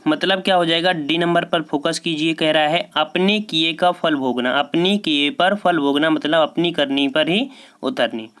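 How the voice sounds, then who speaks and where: Hindi exam tutor, slow quoted questions. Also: male voice, on the high side, fairly bright tone. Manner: reads each question slowly, then explains with rhetorical questions. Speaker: teacher.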